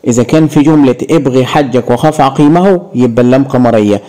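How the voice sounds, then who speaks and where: A man with an Egyptian Arabic accent teaching a grammar lesson, slowly stretching out syllables to demonstrate sounds. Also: medium pitch, mellow, rough recording.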